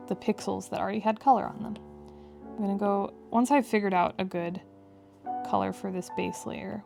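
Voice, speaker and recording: A woman talks through a drawing tutorial in a casual, rambling way with wry asides. Her voice is fairly low for a woman and full of creaky vocal fry. Piano music plays clearly behind her. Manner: chatty, wry asides with frequent "like". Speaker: digital artist narrating a drawing tutorial.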